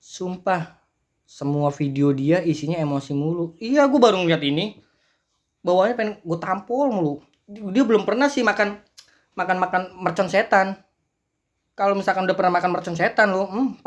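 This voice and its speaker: A man's voice: high-pitched, moderate pace, long pauses. A man hosting a reaction video, ranting casually and swearing a lot as he mocks clips. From Central Java, Indonesia. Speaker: host of a reaction channel.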